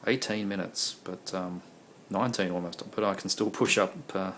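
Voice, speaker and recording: This man's voice sits low with a fairly bright tone and fairly even intonation, moving at normal speed as he shows off his video collection. He rambles, uses many ums and uhs, and is losing his voice in a noisy home recording.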